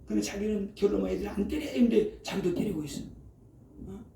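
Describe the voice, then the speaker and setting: A man's voice: high voice, fast, vocal fry, warm tone, a little hiss or hum. A middle-aged male pastor preaching a sermon, constantly prompting the congregation with "eh?" and "right?". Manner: frequent rhetorical "어?" and "예?" prompts to the congregation. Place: church sanctuary. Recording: echoey room, mic at a distance, faint ambience.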